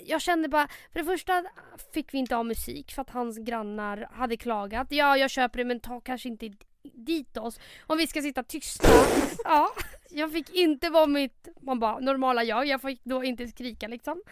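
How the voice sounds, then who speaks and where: A young woman co-hosting a podcast, telling a story in an animated way, quoting people and swearing freely. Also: sits high, hardly any pauses, slight background noise. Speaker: podcast co-host. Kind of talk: casual storytelling chat.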